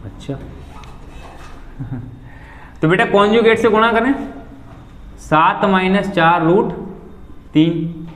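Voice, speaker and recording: A man's voice: high voice, slow pace, pauses often, a bit bright, roomy sound. A man teaching a maths class, questioning his students and calling them "beta" as he works through the steps.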